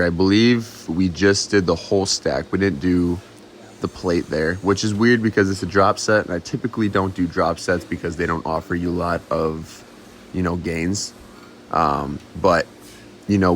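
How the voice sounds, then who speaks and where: A man's voice: sits low, slight background noise. A young man, a fitness vlogger, giving casual commentary on a workout.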